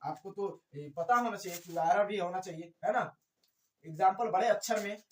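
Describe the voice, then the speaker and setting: A woman's voice: medium pitch, a little fast, a little mellow. A woman biology teacher giving a classroom lecture at the board, repeating key words and asking rhetorical questions, dropping in English terms. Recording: echoey room, far from the mic.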